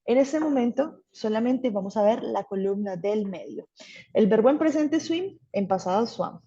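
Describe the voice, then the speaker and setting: A woman's voice: fairly high pitch, animated, normal speed, warm tone, slightly rough, highs cut off. A woman teaching an English grammar class, patient and checking in often with her students. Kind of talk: online class explaining grammar.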